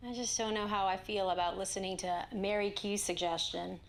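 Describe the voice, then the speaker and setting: Actress as weary sleepwalking wife, creaky and breathy, uneasy, hesitant, found-footage horror. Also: female voice, mid-range voice, steady tone, a little fast, a little hiss or hum, lightly acted. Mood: uneasy, protesting.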